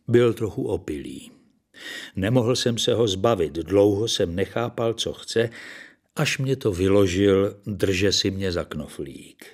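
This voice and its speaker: A man reading a story aloud in a dry, ironic storytelling manner. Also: low-pitched.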